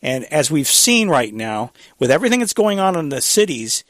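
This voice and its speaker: Man, radio talk host, higher-pitched voice, dry close mic, chatty with ums and restarts. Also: sing-song, normal speed, no echo. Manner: conversational, chuckling, frequent fillers and restarts. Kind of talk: casual political commentary.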